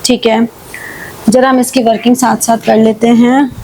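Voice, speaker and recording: A woman's voice: fairly high pitch, flat delivery, a little mellow, slight background noise, low-quality recording. A woman accountancy teacher, working through journal entries step by step and often checking whether students follow. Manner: reads question text slowly, then explains in quick Hindi-English mix; checks understanding with frequent "ठीक है" and questions. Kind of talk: live online class, solving problems step by step.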